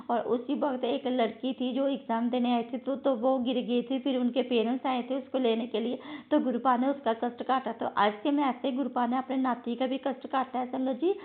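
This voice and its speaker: A middle-aged woman sharing a devotional testimony with a congregation, emotional and repetitive, often turning to address her listeners. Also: high voice. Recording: tinny phone-like audio.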